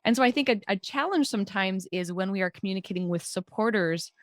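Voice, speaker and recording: Woman podcast host, encouraging, mid-pitch voice, dead dry sound. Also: expressive, fast, dry recording. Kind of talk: conversational podcast interview.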